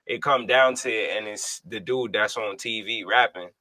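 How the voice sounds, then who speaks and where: A man's voice: on the low side, moderate pace, bright, forceful tone, poor audio. A man co-hosting a casual livestream talk show, musing in a thoughtful, rambling way full of slang. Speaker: podcast co-host.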